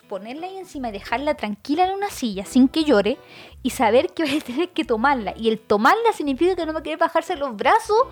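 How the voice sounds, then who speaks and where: A Chilean woman vlogging about her day as a mother, with rambling, animated and self-mocking stories. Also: sits high. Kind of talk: casual storytelling.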